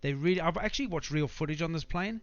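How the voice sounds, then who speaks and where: On the high side and talking fast, with no room sound, the streamer keeps up casual, matey banter and gameplay commentary in his flight simulator stream. The audio carries faint background noise and sounds slightly dull.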